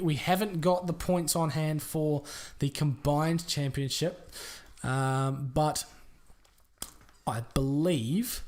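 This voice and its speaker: A man with a New Zealand accent commentating a sim racing stream in a chatty, relaxed way with lots of fillers. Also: a little high. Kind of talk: live race commentary.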